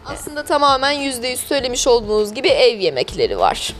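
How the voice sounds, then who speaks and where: A woman hosts a local TV programme, interviewing business owners in a chatty, polite, wordy style. She talks fast, with a high-pitched voice and big pitch swings, and music plays behind her.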